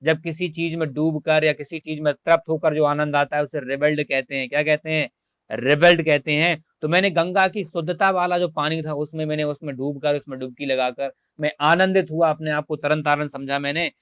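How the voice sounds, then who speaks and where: A man's voice: fairly high pitch, fairly even intonation, a little fast, a bit bright, clear, resonant tone, no room sound. A male teacher, leading an online class. He reads English lines and explains each word, asking and answering his own questions. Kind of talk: online class lecture, translating English text.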